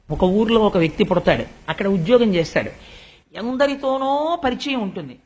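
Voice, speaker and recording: Older male religious speaker, high voice, animated storyteller, dull lo-fi recording. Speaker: spiritual discourse speaker. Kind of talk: Telugu religious discourse.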